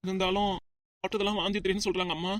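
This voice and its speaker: A woman's voice: mid-range voice, flat delivery, no room sound, clean studio sound, distant mic, close to an everyday voice. A woman voicing a fretful village husband in his forties. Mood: worried. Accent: Tirunelveli Tamil. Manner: fretful, tearful, rapid talk. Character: anxious 40-year-old village husband. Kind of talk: cartoon voice acting.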